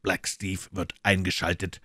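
A man voicing a calm, ironic detective in a German audiobook, speaking low and measured. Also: no room sound, studio quality, full character voice. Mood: cool ironic. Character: Sherlock Holmes, cool calm detective, man.

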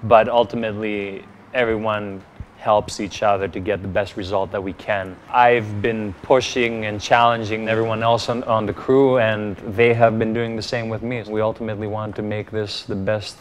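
Low, flat-voiced man in an interview. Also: normal speed, slight background noise. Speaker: film crew member interviewee. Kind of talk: behind-the-scenes interview.

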